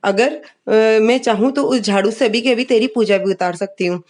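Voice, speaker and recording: A woman reading the lines of a sharp-tongued, scolding elderly grandmother in a TV serial retelling. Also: a little high, normal speed, close to an everyday voice.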